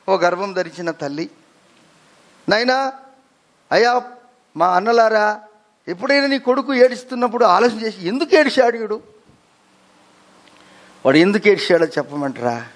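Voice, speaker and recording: High-pitched animated male preacher. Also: normal speed, pauses often. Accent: Telugu. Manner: animated preaching, acting out a crying baby and frail old people, calling out hallelujah. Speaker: pastor. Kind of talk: sermon.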